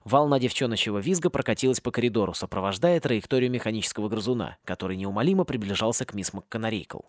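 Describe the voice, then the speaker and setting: A man narrating a satirical fantasy audiobook with a lively, expressive reading. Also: on the low side, fast, dry recording, clean studio sound. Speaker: audiobook reader.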